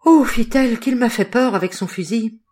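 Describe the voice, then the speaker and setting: A woman reading the lines of a lively, devoted young woman in an audiobook, in an eager and expressive way. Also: mid-range voice, normal speed, lightly acted. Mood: shaken.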